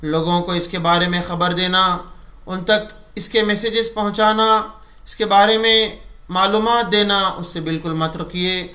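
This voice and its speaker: A man teaching Arabic letter sounds in a recorded audio lesson, drilling syllables slowly with short instructions. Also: sits high, steady tone, sharp tone, echoey room.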